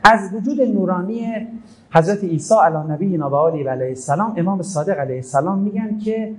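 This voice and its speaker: A man's voice: high-pitched, animated, a little mellow, rough recording. Conversational man giving a religious talk. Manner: conversational storytelling, quoting scripture. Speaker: preacher.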